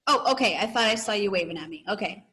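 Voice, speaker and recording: This woman's mid-range voice is expressive, fast, pushed, and bright as she reads to her pupils and leads class discussion. Her manner is encouraging, and the online video lesson is captured through a video call.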